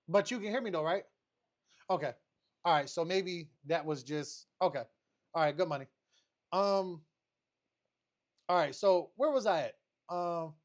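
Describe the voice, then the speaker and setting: A man livestreaming a casual storytime rant, animated and profane, repeating phrases for emphasis. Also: high-pitched. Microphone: streaming setup mic.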